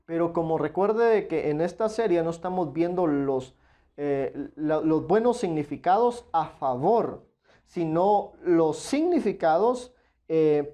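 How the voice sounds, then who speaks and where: Earnest preacher man with a mellow voice. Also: a little high, lo-fi sound. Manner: earnest, addresses listeners as dear brothers; emphatic, repeats "claro de que sí". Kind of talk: Bible study sermon.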